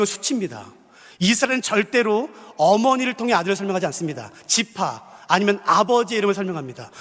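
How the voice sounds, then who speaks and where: Impassioned male pastor, high lively voice. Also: long reverb tail. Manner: impassioned storytelling, acting out quoted voices. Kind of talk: sermon.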